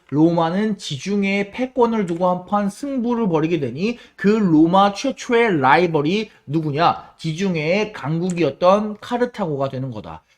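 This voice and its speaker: A man teaching a history lecture to students, lively and casual, asking questions and answering them himself. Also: high voice. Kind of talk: classroom lecture.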